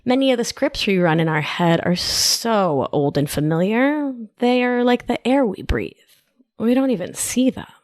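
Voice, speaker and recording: Fairly low in pitch, an Argentine-accented woman speaks with clean studio sound and no room ambience. As a New York life coach on her scripted solo podcast, she comes across as affectionate, playful and lively, frequently going off on side remarks.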